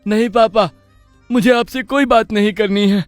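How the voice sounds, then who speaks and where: A man's voice: high-pitched, fairly even intonation, normal speed, no room sound, faint music behind, natural voice. A man voicing a jealous, resentful young male calf in a cartoon story. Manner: bitter and resentful.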